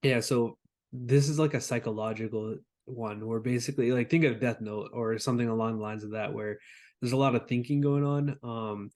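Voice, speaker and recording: A man's voice: medium pitch, steady tone, normal speed, a little mellow. A man co-hosting a podcast, talking casually about anime with lots of fillers and restarts. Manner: laid-back, filler-heavy, explains plots with many "like"s. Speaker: podcast co-host.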